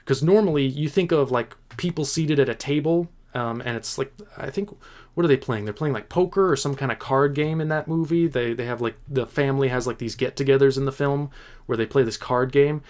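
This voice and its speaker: Halting, thoughtful male film host. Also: mid-range voice, a little mellow. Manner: halting, thoughtful, with frequent restarts; enthusiastic about films. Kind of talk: casual film chat answering viewer questions.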